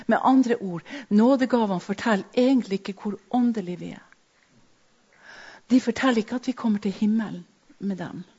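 A woman's voice: mid-range voice, slightly rough. Woman preaching, swinging to whispers. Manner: preaching with emphatic rises and hushed whispers. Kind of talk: sermon. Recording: dull lo-fi recording.

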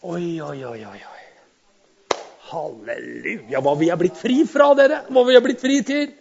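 A man preaching a sermon who talks to the congregation directly and swings between quiet musing and loud, fervent exclamations. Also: high-pitched, lively intonation, creaky, muffled recording. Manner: conversational, addresses the congregation directly.

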